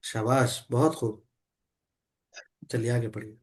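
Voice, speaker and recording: A man's voice: medium pitch, fairly even intonation, takes it slowly, breathy edge. Male Quran teacher, online class, patient and methodical, asks and repeats questions. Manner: patient, explains rules step by step and quizzes the student. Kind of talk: online Quran recitation lesson.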